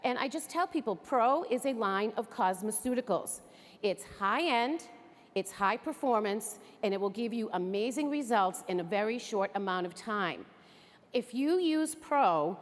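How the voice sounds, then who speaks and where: Unhurried yet animated, a woman with a voice on the high side delivers an upbeat, conversational training talk to an audience. She's a Greater Boston local, and her stage presentation echoes through the hall.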